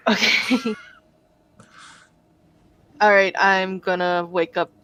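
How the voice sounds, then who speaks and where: A woman's voice: medium pitch, fairly even intonation, takes it slowly, bright, forceful tone, no echo. A young woman playing in a tabletop game session. She talks casually in a mid-range voice and giggles often between lines. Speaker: player.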